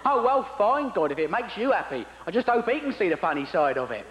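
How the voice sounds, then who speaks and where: A man's voice: sits high, big pitch swings, brisk, roomy sound, long reverb tail, voice pushed up, rough recording. A man voicing Abraham as a weary, grudging father who talks in a sarcastic way.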